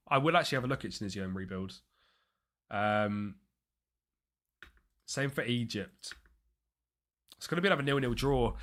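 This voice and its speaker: A young man streams a football management game live, his voice bright, forceful and a little high. He reads chat messages aloud and muses over tactics in a chatty, easygoing manner.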